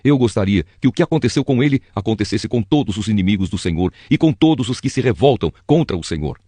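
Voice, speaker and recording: A man's voice: on the low side, lively intonation, quick pace, warm tone, husky, no echo. A man voicing a servant messenger who reports formally and in a subdued tone. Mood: solemn. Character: solemn foreign male servant messenger.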